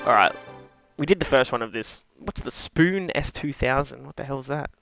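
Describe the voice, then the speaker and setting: A higher-voiced Australian man gives casual live-stream commentary on a game. He talks like an everyday Aussie bloke, with slang and mild swearing. Loud game music and car sounds run behind him. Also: lively intonation, moderate pace, creaky, no room sound, dull audio. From New South Wales, Australia. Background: racing game music and car sounds.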